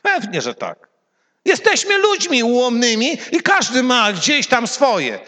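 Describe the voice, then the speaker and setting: A middle-aged man preaching a sermon, swinging from loud emphatic lines to hushed ones. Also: extremely high pitch, huge pitch swings, measured pace. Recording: long hall reverb.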